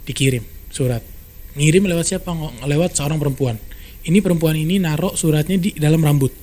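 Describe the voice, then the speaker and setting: A man telling a story in a casual podcast chat, brisk and animated, acting out quoted dialogue. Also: on the high side. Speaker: storyteller guest.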